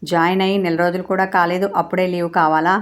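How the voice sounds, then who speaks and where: A woman's voice: on the low side, level tone, quick pace, close to an everyday voice. A woman voicing a confident, teasing young man in a romance story read aloud. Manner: teasing, playful.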